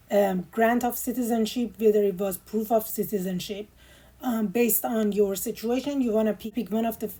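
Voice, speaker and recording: Warm and medium-pitched, a woman hosts a screen walkthrough on filling out an online immigration form. She goes step by step with patient instructions and frequent ums.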